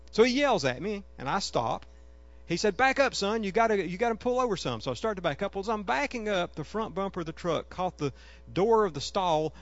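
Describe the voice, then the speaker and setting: A man preaching a sermon, telling a personal story earnestly, rising to emphatic peaks and dropping to soft, hushed tones. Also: fairly high pitch, gravelly, highs cut off. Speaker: pastor.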